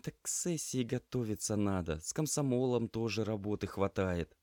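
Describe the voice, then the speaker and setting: A man reading an audiobook, voicing a grumpy young female student activist who grumbles in a raised but quiet voice. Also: fairly low pitch, expressive, normal speed, no echo, studio quality, voice pushed up, close to an everyday voice. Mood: grumbling. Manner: grumbling, sulky.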